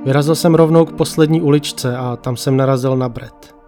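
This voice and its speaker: A man narrating a ghost story in the first person, calm and measured. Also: medium pitch. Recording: faint music behind.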